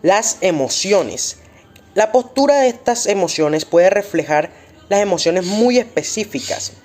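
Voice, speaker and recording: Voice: medium pitch, lively intonation, normal speed, a little mellow. A student presenting in class, reading points aloud as a list.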